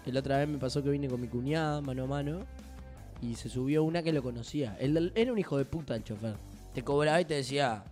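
A young man with a Uruguayan Spanish accent, chatting casually and telling an animated anecdote. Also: mid-range voice, fast talker, faint music behind. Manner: animated, acts out voices in anecdotes. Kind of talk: casual chat, storytelling.

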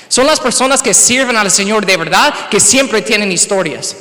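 A man preaching a sermon and telling a lively personal story, slipping words in among his phrases. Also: high voice, normal speed, in a large hall. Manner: animated storytelling, mixing in English words. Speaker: pastor.

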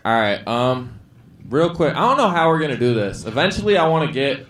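A man's voice: medium pitch, big pitch swings, brisk, a bit bright. A young man hosting a podcast, swearing, laughing, and trading crude banter with friends. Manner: rowdy, swearing, laughing storyteller. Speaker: podcast host. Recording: echoey room with crowd noise.

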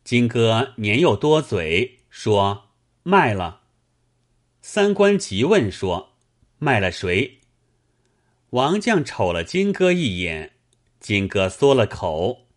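A man reading a classical tale aloud as a storyteller, in a measured, expressive way. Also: medium pitch.

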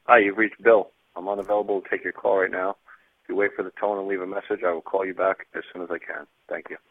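A man's recorded answering machine greeting, played back over a phone line. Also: sits low. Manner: flat, quick recorded greeting. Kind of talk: voicemail greeting. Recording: tinny phone line with hiss.

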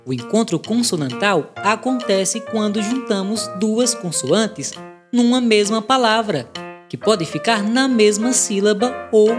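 A woman's voice: medium pitch, expressive, a little slow, over music, close to an everyday voice. A woman voicing a friendly, patient cat who teaches children and meows between lines, in a children's educational audio drama. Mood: kind. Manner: patient, encouraging.

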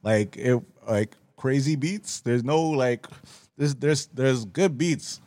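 A man co-hosting a casual roundtable podcast, talking in a relaxed way with plenty of fillers and restarts. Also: medium pitch, takes it slowly, no echo. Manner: laid-back, many fillers and restarts. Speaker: podcast co-host.

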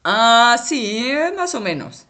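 Bodiless guide: bright, lively, unhurried woman, acted by a woman, teacherly and patient. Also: fairly high pitch, heavily acted. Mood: explaining. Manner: patient, explaining, occasionally scolding. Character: patient female guiding voice with no body. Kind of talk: children's educational cartoon acting.

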